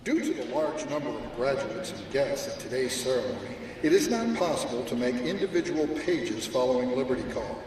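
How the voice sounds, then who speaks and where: Lively man's voice over the intercom. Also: medium pitch, a little fast, hardly any pauses, crowd noise. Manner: formal, instructive. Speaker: public address announcer. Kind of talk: formal announcements. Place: large drill hall. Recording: echoey hall loudspeaker from far off.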